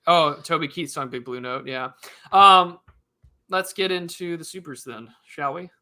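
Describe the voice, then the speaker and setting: Man, podcast co-host, loose and jokey, bright, slightly higher pitch. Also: measured pace. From United States. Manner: rambling, joking, many fillers and restarts. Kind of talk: casual chat.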